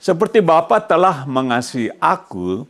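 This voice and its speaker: A man's voice: a little high, very animated, normal speed. A male pastor preaching a sermon who keeps quizzing his congregation mid-sentence and drops English phrases into his emphatic preaching.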